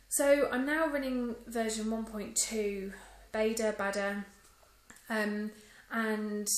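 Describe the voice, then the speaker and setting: A woman's voice: mid-range voice, reverberant, slight background noise, rough recording. A woman giving a casual phone review vlog, talking into a phone she holds at arm's length, chatty and full of ums. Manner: chatty, many ums, mildly disappointed. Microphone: phone held at arm's length.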